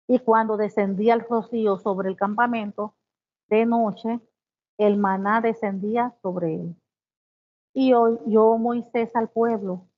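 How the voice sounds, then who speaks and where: Woman teaching a devotional over tinny audio. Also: medium pitch. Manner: reads scripture slowly, then explains with exclamations. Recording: tinny phone-like sound.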